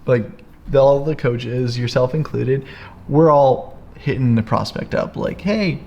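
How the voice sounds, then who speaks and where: A young man co-hosting a coaching talk, energetic and emphatic, explaining sales follow-up in a casual teaching chat. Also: medium pitch, measured pace, lo-fi sound. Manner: energetic, emphatic, repeats "here's the deal". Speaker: co-host, business coach.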